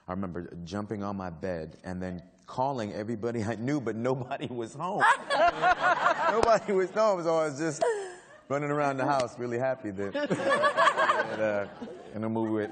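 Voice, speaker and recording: A man on a panel telling a casual story to an audience. He talks haltingly, with many fillers and restarts, and laughs often. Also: on the low side, a bit bright, a little hiss or hum. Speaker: actor on a panel. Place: stage before a live audience.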